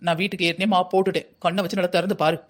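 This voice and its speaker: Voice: medium pitch, flat delivery, very fast, close to an everyday voice. A performer voicing a grumbling older husband in a family cartoon, nagging his wife in a South Tamil Nadu accent. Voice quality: scolding, nagging. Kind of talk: cartoon family comedy acting.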